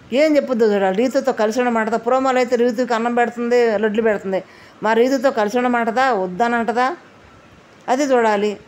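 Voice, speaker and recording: A woman's voice: on the high side, a little mellow. A woman giving casual commentary on a reality show, chatty and often asking viewers to leave comments.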